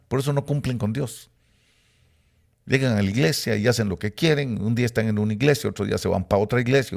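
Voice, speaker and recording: A middle-aged man from Costa Rica teaches a sermon in a very deep, gravelly, rasping voice. On stressed words he climbs and swells, then drops back into soft, low asides. His pace changes often as he teaches.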